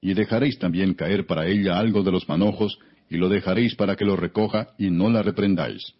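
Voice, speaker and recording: A man narrating scripture as an audiobook in a solemn, measured reading style. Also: sits low, slightly rough. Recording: dull, muffled lo-fi recording.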